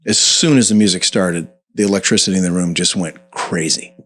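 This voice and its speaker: A man who is a singer, a guest in an interview, telling stories in a lively, laughing way. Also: sits low, a little fast. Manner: animated storyteller, laughs often. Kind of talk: casual interview storytelling.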